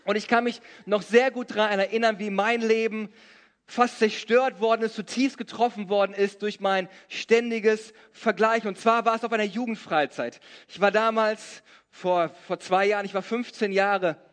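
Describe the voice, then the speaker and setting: A man's voice: high voice, fairly even intonation, normal speed. A middle-aged man from Germany preaching a sermon, mixing scripture with humorous stories about his own life. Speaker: pastor. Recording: long reverb of a large hall.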